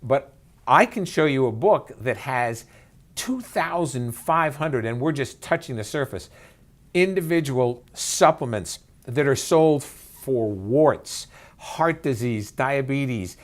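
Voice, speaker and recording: A physician and author appears as an expert interview guest, speaking emphatically yet conversationally. His medium-pitched voice is slow with lively intonation, and he uses rhetorical questions and folksy asides.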